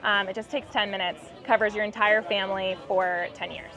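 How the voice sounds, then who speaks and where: A company representative, a woman with a brisk, mid-range voice and fairly even intonation, explains a product in an interview demo. She's upbeat and informal, and the band-limited audio is muffled with background music.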